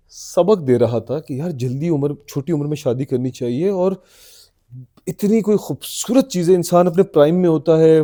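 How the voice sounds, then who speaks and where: A man co-hosting a casual podcast chat with an old friend, an animated storyteller. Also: on the high side. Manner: animated storyteller, chuckles often. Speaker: podcast co-host.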